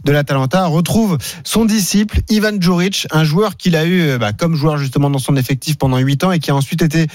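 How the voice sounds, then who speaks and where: A man hosting a radio sports betting show, brisk and jokey with his panel. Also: fairly high pitch, a little mellow, no room sound, studio quality.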